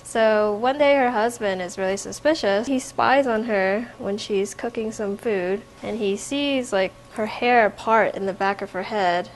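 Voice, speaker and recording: Speaking over background noise on a rough recording, a young art student and painter offers a reflective, informal profile of herself as an artist. Her pitch is medium, and she came from Vietnam, growing up in America from age four.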